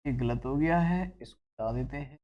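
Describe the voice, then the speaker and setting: In a dull-sounding recording, an accounting teacher with a medium-pitched, darkish voice speaks at a moderate pace. Lecturing as if in a classroom, he calls his students children, mixes in English terms, and asks questions only to answer them himself.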